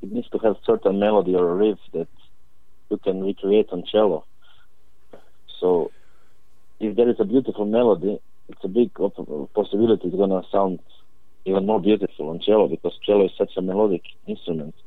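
A young man from Croatia, a cellist, answering interview questions in a plain, earnest way with halting phrasing. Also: fairly low pitch, expressive, creaky, dry recording. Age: young adult. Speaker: cellist guest. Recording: tinny phone line.

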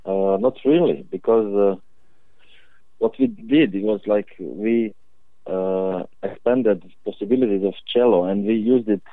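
A man's voice: on the low side, dry recording. Earnest young man on a tinny phone line. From Croatia. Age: young adult. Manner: plain, earnest, halting phrasing. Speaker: cellist guest. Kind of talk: interview answers.

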